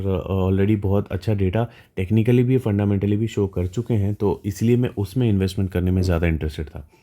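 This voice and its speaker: A man's voice: lowish voice, mellow. A man with an Indian accent walking through a stock chart in a casual, explanatory way, often checking in with his listeners. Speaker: stock market educator.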